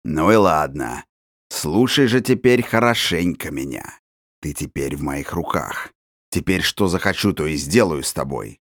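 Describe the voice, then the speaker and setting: A man voicing a coarse, menacing male forest tramp in an audiobook, with a rough, hoarse voice and slow, gloating, threatening delivery. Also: a bass voice, expressive, fairly bright tone, no room sound, clean studio sound, exaggerated voice. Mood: commanding.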